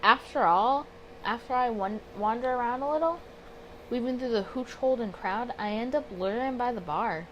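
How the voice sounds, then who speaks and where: On the high side and at a moderate pace, her voice loses its highs in a home recording with background noise. She hosts a casual let's play for her gaming channel, reading visual novel text aloud while rambling chattily, self-correcting, and apologizing.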